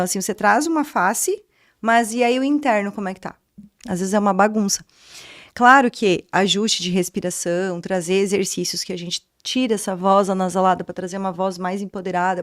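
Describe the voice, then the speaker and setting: A woman's voice: medium pitch, no echo, studio quality. A woman, a speech therapist from Brazil, explaining as a guest in an interview and often asking questions she then answers herself. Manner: didactic, asks and answers her own questions. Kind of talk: conversational interview.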